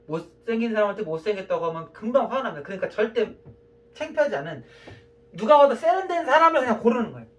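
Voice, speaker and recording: A woman's voice: mid-range voice, recorded from a distance. A woman party MC teaching her routine, playfully acting out quiz calls and countdowns. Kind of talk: instructional talk acting out MC patter.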